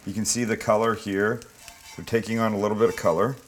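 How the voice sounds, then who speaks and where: A man's voice: fairly low pitch, steady tone, quick pace. A man talking viewers through a dish like a cooking show host, chatty, informal and opinionated. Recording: clear background noise with kitchen clatter.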